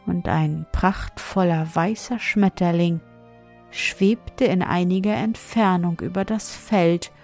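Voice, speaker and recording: A woman reading a fairy tale aloud in a measured, expressive manner. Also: lowish voice, soft background music. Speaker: storyteller.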